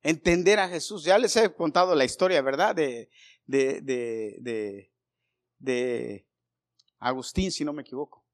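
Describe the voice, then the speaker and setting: A man preaches, his voice pitched high. He swings from fervent, loud exhortation to quiet, hushed storytelling. The sermon is delivered in a church. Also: unhurried.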